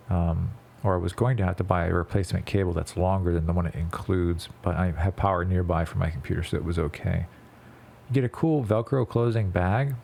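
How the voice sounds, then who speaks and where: Low, creaky man with a stuffed-up nose. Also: a little mellow. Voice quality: stuffy blocked nose, as if packed with gauze. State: congested after nose surgery, can't breathe through nose. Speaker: video creator narrating a PC build. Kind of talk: casual tutorial voice-over.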